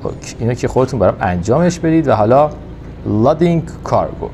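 A man giving casual, excited commentary over a mobile truck game, coaxing the truck along. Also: medium pitch, a little hiss or hum. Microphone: phone recording.

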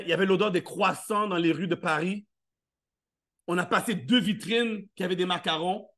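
On a live event stage, a motivational speaker gives a playful, interactive talk, firing questions at the audience and acting out little scenes. His voice is fairly high and a bit bright.

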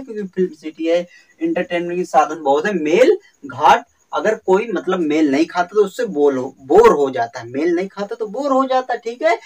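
A man's voice: sits high, far from the mic, rough recording. A man teaching a general-knowledge exam lesson, explaining memory tricks with repetitive, sing-song emphasis and calling his viewers friends. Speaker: quiz teacher.

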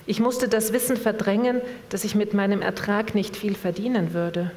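A woman reading from a novel in a measured, expressive way, then asking an author a question at a public reading event. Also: medium pitch. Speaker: reader and moderator. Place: event hall. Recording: long reverb of a hall.

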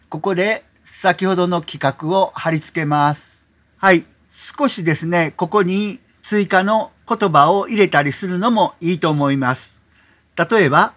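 A man hosting a software tutorial, explaining step by step in a polite manner, often adding 'desu ne' as filler. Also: high-pitched. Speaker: tutorial host. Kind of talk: screen-recorded software tutorial.

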